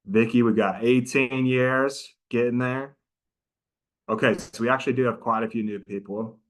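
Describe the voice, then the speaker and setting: Steady in tone and moderate in pace, this man's medium-pitched voice carries a chatty training presentation on a video call. He's middle-aged, works as a prosecutor and trainer, and keeps things casual and interactive with the audience.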